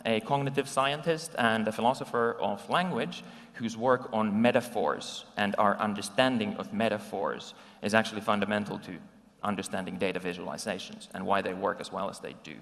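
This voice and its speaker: A Finnish man in his forties gives a conversational talk with slides, recorded live in a conference hall. His lowish, fairly bright voice moves fairly quickly, with vocal fry and frequent ums and restarts.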